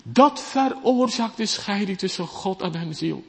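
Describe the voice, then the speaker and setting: A man delivers a sermon as pastor, slow and deliberate, his voice sitting fairly high and swinging widely in pitch. He pleads and repeats phrases with dramatic rises and falls. The sound carries a long church reverb. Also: animated, creaky.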